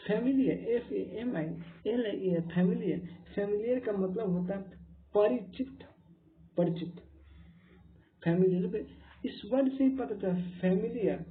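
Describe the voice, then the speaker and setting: Man drilling English words on tinny audio. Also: high-pitched. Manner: drills each word by repeating it many times. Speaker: spoken English teacher. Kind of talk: Hindi-medium vocabulary lesson. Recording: tinny phone-like lo-fi audio with faint hiss.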